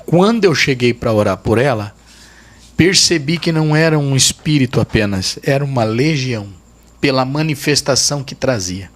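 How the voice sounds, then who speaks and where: A man's voice: mid-range voice, expressive, normal speed. Emphatic pastor man telling a testimony. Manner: emphatic, repeats phrases for weight, vivid retelling. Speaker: pastor and guest. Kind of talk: testimony storytelling in a podcast interview.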